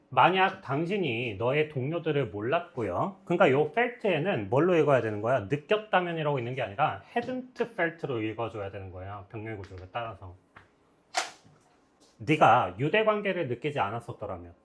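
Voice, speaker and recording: Lively male English grammar teacher. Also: mid-range voice. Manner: explains step by step, checks often with "got it?". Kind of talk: grammar lecture.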